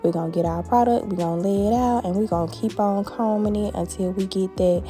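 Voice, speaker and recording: A woman with a medium-pitched, slightly fast voice vlogs a hair tutorial at a family home, with faint music in the background. Chatty, animated, and playful, she addresses her viewers directly, calling them "honey" and "baby".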